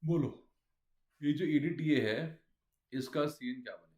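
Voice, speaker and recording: A man's voice: fairly high pitch, measured pace, a little mellow. A man teaching a chemistry class, explaining step by step and often quizzing his students. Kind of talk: classroom lecture.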